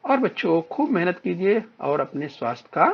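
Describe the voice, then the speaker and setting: Guy teaching little kids phonics, higher voice, kinda husky, dull lo-fi sound. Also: sing-song. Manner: slow, drawn-out repetition of words for children. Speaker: primary school teacher. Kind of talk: online phonics lesson for children.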